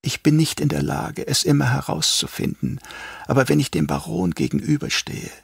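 A man voicing a sly, half-mad old doctor who turns traitor, speaking in a hushed, whispery, drawn-out voice. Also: fairly high pitch, sing-song, vocal fry, breathy edge, no room sound, studio quality, pitched above the performer's own voice, heavily acted. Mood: sly menace.

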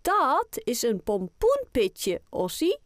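A woman's voice: fairly high pitch, wildly swooping pitch, slow, dry recording, clean studio sound, voice pushed up, heavily acted. A woman voicing a doting, playful grandmother in a children's audiobook, with an affectionate sing-song delivery. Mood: fond. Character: warm, playful grandmother who loves singing.

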